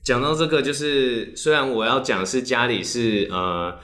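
A man with a Taiwanese Mandarin accent in a casual podcast chat, lively and quick to react and tease. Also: medium pitch.

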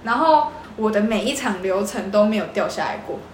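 Young woman, teasing manner, very lively pitch, echoey room with faint hiss. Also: fairly quick. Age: young adult. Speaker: podcast co-host. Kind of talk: casual chat.

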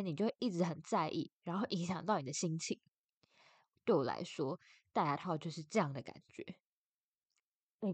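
A young adult woman with a Taiwanese accent hosts a casual solo chat, expressive and self-deprecating, her articulation slightly slurred from wearing braces. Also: lowish voice, no echo. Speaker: podcast host.

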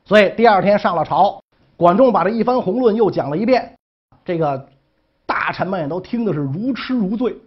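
A man's voice: sits high, expressive, a little fast, husky, lo-fi sound. A man telling ancient history in a humorous, colloquial way, with frequent asides. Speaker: storyteller.

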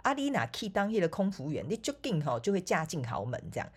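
A woman voicing her superstitious, bossy older mother, with a shrill and insistent delivery. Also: very animated, quick pace, breathy edge.

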